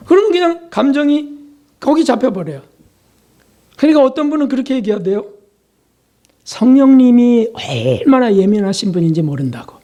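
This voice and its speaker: Earnest Korean pastor preaching a sermon. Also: male voice. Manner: shifts into quoted prayers, softer and lower, at times whispered; earnest, conversational preaching with rhetorical questions.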